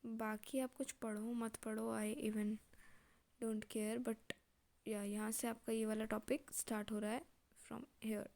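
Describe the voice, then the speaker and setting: A young woman teaching a revision lesson, reading English definitions slowly and then explaining them in casual Hindi. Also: on the high side, little pitch movement, vocal fry, darkish tone.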